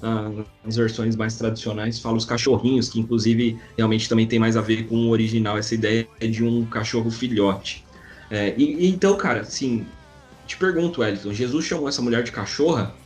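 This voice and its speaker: A Brazilian man teaches a Bible passage in casual chat, talking to his co-host like a friend. His voice sits at a middle pitch. Faint music plays quietly behind him. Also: fairly even intonation, fairly quick. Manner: conversational, addresses partner as "cara". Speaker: Bible study podcast co-host.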